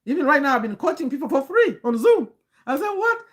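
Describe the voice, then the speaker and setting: In a high, very animated voice and at a brisk clip, a woman in her fifties from Uganda lectures her livestream audience earnestly. As a community coach and host, she keeps restarting sentences and interrupting herself to say hello to viewers.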